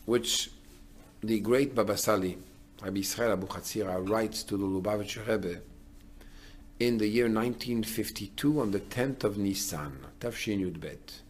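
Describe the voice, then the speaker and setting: A man's voice: lowish voice, normal speed. A middle-aged man, a rabbi, giving a sermon in an earnest way, building to emphatic declarations.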